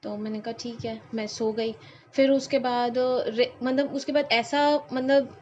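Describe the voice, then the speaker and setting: A woman's voice: a little high, fairly even intonation, unhurried, a little mellow, a little hiss or hum. Emotional woman sharing a devotional testimony. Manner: emotional, rambling, filler-heavy. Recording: dull lo-fi with faint ambience.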